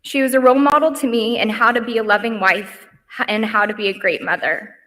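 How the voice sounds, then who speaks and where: Young woman, higher voice, earnest eulogy reading in a reverberant hall. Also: fairly even intonation, fairly quick. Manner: earnest and heartfelt, softening on lists. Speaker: eulogy speaker. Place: memorial service hall.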